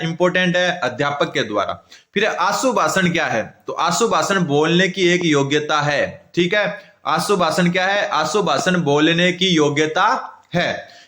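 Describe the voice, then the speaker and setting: Man, Rajasthani Hindi accent, exam-prep tutor, repeats key points, fairly high voice. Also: sharp tone. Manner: repetitive, drills key answers. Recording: echoey room.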